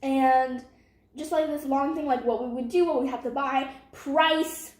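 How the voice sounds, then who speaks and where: Young teen female, very high voice, casual animated storyteller who voices quotes, echoey room sound. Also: measured pace. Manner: animated retelling with acted-out quotes. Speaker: storytelling vlog co-host with parent.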